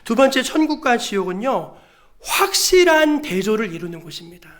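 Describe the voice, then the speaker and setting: A man's voice: very high voice, sing-song, moderate pace, a bit bright. A male pastor preaching a sermon in a church, emphatic, with rhetorical questions to the congregation and calls to read scripture aloud together. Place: church sanctuary.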